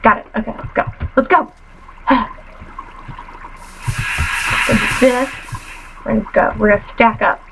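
A woman's voice: fairly high pitch, steady tone, unhurried, long pauses, music in the background, poor audio. A teenage girl commentating her own game casually, chatty and self-mocking with playful trash talk, a little sniffly after a cold, in her bedroom at home. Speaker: gamer commentator.

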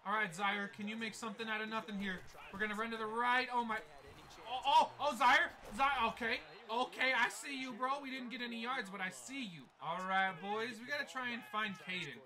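A young man commentating his own football video game, excitable and yelling at big plays. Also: high voice. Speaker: gaming YouTuber. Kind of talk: gameplay commentary.

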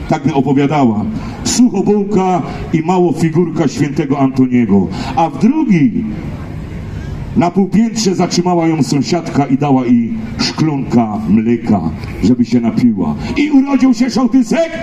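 A man's voice: fairly high pitch, mellow, a little hiss or hum. A man with a Silesian accent telling folksy comic stories to a live audience, exclaiming and repeating phrases as he addresses the crowd. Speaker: stage entertainer and singer. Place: live stage at a picnic event. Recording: echoey live PA with music.

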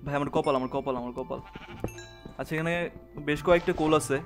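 Soft-spoken young gamer man. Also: fairly high pitch, brisk, over music. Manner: talks softly and quietly, late-night hush. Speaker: gamer channel host. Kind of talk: casual gameplay commentary.

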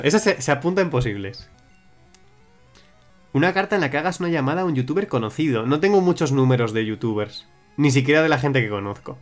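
Chatty young man streaming. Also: mid-range voice. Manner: chatty, rambling, with frequent restarts and swearing. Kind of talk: casual livestream chat reading viewer suggestions.

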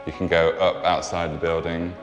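Very deep, flat-voiced young man. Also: normal speed, dull audio. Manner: steady and explanatory, with frequent restarts. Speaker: architect. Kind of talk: explaining design software in a casual interview. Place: large bare room with high ceiling. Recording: long room reverb with background music.

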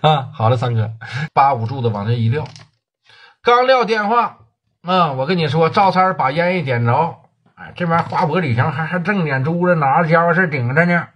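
Husky Northeastern male storyteller. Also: on the high side, fairly quick, muffled recording. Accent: Northeastern Mandarin. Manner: colloquial, earthy, lively. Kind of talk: oral storytelling of underworld tales.

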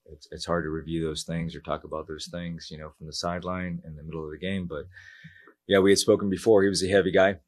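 A man in his forties, a football coach speaking at a post-match press conference into a table mic, measured and reflective with many fillers. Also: sits low, flat delivery. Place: press room.

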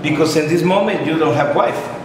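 Older man, high-pitched. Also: brisk, very echoey, in a large hall, far from the mic, crowd noise, poor audio. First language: Spanish. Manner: broken English mixed with Spanish, animated gestures, laughs often. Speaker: sports TV interviewer. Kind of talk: casual interview.

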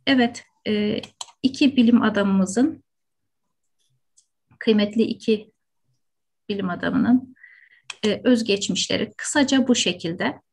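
Woman, middle-aged, online panel moderator, very slow pace, formal academic introduction, medium pitch. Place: indoor room, video call. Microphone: computer microphone on video call.

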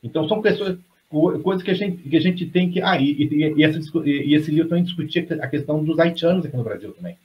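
A man's voice: on the high side, quick pace, few pauses. A middle-aged Brazilian man, a novelist, talking on a video call in a rambling way, full of restarts and tag questions. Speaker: guest novelist. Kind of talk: casual discussion on video call. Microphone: webcam on video call. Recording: slightly dull lo-fi sound.

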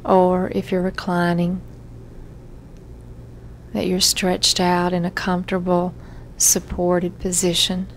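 A female therapist's voice, on the low side and monotone, walks listeners through a guided self-hypnosis relaxation, her gentle, measured instructions spaced by frequent pauses. Some light background noise is present.

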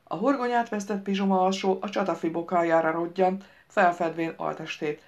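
A woman narrating a humorous audiobook in a lively, wry storytelling manner. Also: lowish voice, dull audio. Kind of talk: scripted narration.

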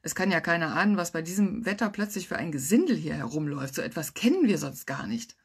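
A woman's voice: lowish voice, expressive, fast, husky. Woman doing a courteous elderly professor. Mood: pondering. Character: polite elderly man, pool regular called Professor.

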